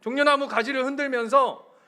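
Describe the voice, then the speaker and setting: A male pastor preaching a Sunday sermon with a Gyeongsang accent. He drops to hushed near-whispers, rises to loud emphatic cries, questions his congregation and leads them in reading scripture aloud. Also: extremely high pitch, fairly even intonation, fairly quick. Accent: Gyeongsang Korean. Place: church sanctuary.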